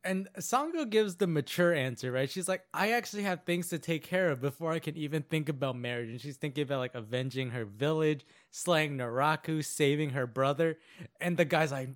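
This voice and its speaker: A man's voice: fairly high pitch, brisk. A man casually recapping anime episodes as a podcast co-host, telling it loosely with lots of "like" and fillers. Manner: casual storytelling with many fillers and playful quoted voices.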